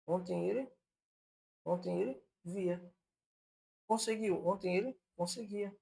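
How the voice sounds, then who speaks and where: High, gravelly-voiced man teaching grammar. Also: unhurried, mellow. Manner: explanatory, repeats points on purpose to fix them. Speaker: Portuguese teacher. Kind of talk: online exam-prep lesson.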